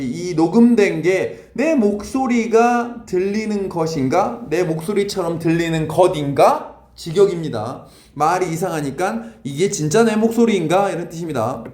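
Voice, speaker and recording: A high-voiced man runs a brisk English grammar lesson in a reverberant classroom, firing questions at his students. He mixes Korean and English as he walks through each sentence. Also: a little mellow. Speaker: English teacher.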